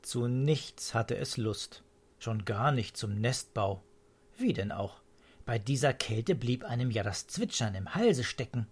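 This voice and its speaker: A storyteller reading a children's story aloud in an expressive, unhurried way. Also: mid-range voice, slightly rough.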